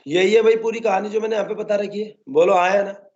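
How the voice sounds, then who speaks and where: A man's voice: high voice, fairly even intonation, a little fast, darkish tone, highs cut off. A male botany teacher lecturing a class, constantly coaxing the students to answer his questions.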